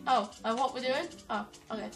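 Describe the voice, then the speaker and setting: Excitable high-voiced woman gamer. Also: fairly quick, far from the mic, over music. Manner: excitable, chatty, talks to game characters. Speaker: gaming YouTuber. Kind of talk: let's-play commentary.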